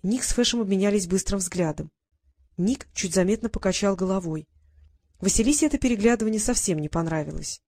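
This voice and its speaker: A woman narrating an audiobook in a steady, even storytelling manner. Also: mid-range voice, brisk.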